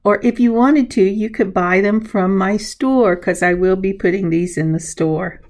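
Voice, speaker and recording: Woman, gravelly voice, mid pitch, slow pace, chatty, casual craft tutorial host, narrating her own steps. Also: a little mellow. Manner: chatty, unhurried, self-narrating. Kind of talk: casual hands-on craft instruction.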